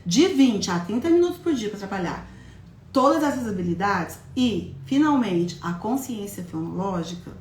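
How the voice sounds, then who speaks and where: A woman's voice: mid-range voice, normal speed, slight background noise. A woman giving a live teaching talk to an audience, explaining step by step and often asking them questions. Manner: demonstrates syllables in a lively, childlike classroom voice. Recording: echoey room sound.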